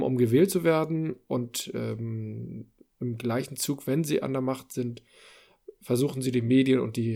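A man's voice: medium pitch, vocal fry, darkish tone, husky. A man in a casual political discussion, thinking aloud with frequent fillers and restarts.

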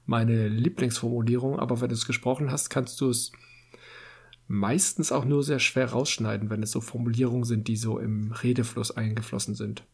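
A man's voice: medium pitch, creaky, husky. A man chatting on a podcast, reflective and a little hesitant. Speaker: podcast co-host. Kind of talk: casual podcast chat.

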